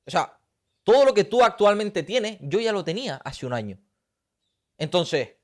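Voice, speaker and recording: A man, giving an intense, preachy motivational talk straight to camera and piling up rhetorical questions. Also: high voice. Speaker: motivational coach. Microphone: talking straight to camera.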